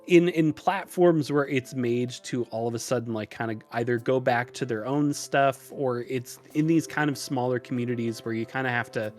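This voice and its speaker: A casual interview features a tutorial-channel host as the podcast guest, wandering through explanations with hesitations. He keeps a moderate pace and medium pitch with hardly any pauses, over background music.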